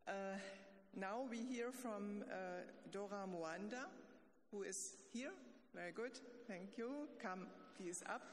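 A woman moderating a conference panel, introducing speakers slowly and with pauses. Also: mid-range voice. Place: conference hall. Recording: faint, distant, reverberant, noisy.

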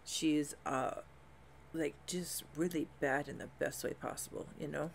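Her voice sits low and creaky with fairly even intonation and an unhurried pace: a middle-aged woman reacting to music on her vlog from a small room at home. She rambles enthusiastically, laughing and restarting sentences often, with slight background noise.

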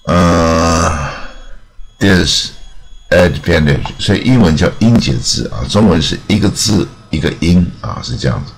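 A man teaching English pronunciation, explaining each word patiently and repeating it slowly, with a particle trailing many phrases. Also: low voice, animated, vocal fry, slightly rough. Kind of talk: explanatory lesson.

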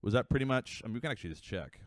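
A young man chatting casually on a live stream, rambling with fillers and quick asides. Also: mid-range voice, lively intonation, no echo, studio quality. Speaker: livestreamer.

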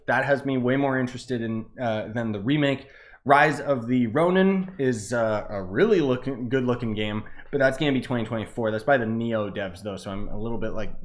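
A man rambles through a casual gaming vlog in an easygoing, filler-heavy way. His voice sits at an ordinary middle pitch. It bounces with heavy echo and reverb, as if recorded in a big, bare room. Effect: echoey reverb in the room. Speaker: gaming YouTuber.

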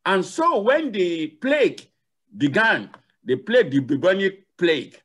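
An older man with a high, animated voice that is slightly rough and a little slow speaks as a guest expert and university lecturer in an explanatory interview. He is emphatic, repeating key phrases and posing questions he then answers himself. He's in a room at home, using a headset on a video call.

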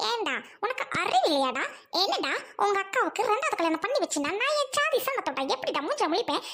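Woman acting as a sneering young wife, very high, pitch swinging wildly, mocking tone, family drama. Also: a bit bright, heavily acted. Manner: mocking, taunting. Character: scornful sharp-tongued young wife.

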